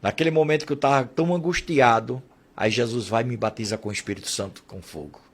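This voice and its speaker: A man's voice: mid-range voice, fast, slight background noise. A man telling a fervent religious testimony, quoting prayers and family members as he goes. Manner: fervent storytelling with quoted prayers. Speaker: testimony speaker.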